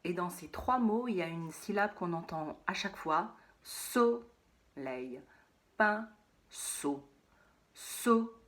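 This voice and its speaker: A woman teaching a phonics lesson to young children, saying words slowly and repeating them, sometimes in a whisper. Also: fairly low pitch, a bit bright.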